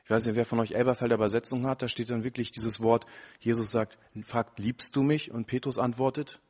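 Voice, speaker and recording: A middle-aged man gives a sermon with a slightly husky voice. He speaks earnestly and slips into the voices of the people he quotes. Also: medium pitch, steady tone, fairly quick. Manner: earnest, acts out quoted dialogue. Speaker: preacher.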